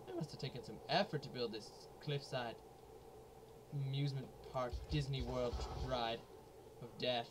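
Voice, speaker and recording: A man giving jokey, excitable let's play commentary, often repeating himself as he plays. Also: mid-range voice, normal speed. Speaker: gaming YouTuber. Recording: noisy home recording.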